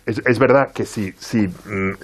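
A man's voice: lowish voice, measured pace, husky. Man, Spain Spanish accent, panel debate, keeps restarting his sentences, insistent. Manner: repeats words, frequent restarts. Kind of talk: heated roundtable debate.

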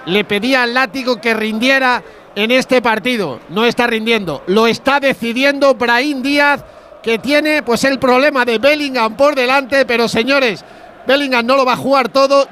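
A man with a Spain Spanish accent and a high voice offers emphatic football punditry over a live match. There is light noise behind him. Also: fairly bright tone. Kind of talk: excited match commentary and opinion.

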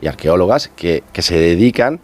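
A man, an underwater archaeologist being interviewed, explaining in a measured, patient way with pauses. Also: sits low, lively intonation. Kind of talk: explanatory radio interview talk.

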